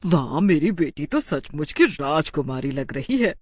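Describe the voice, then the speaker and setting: A woman's voice: deep voice, big pitch swings, unhurried, a little mellow, husky, dry recording, full character voice. A woman voicing a fierce, protective mother witch in a storybook tale, doting on her daughter and menacing to those who wrong her. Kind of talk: storybook narration.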